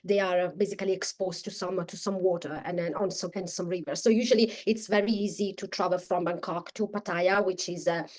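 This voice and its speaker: A woman, speaking as an interview guest in a casual, halting way with many restarts and fillers. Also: on the low side, steady tone, a little mellow. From Italy.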